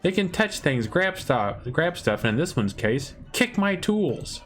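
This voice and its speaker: A man reading aloud as a confident young girl inventor in a video game, pitching his voice up. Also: big pitch swings, unhurried, soft background music. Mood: upbeat. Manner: reads dialogue aloud with a raised, brighter pitch.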